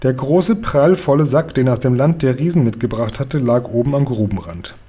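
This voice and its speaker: A man reads a children's story aloud in a calm, even manner. His voice is mellow and dark, at a middling pitch. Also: moderate pace, breathy edge. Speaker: reader of a children's book.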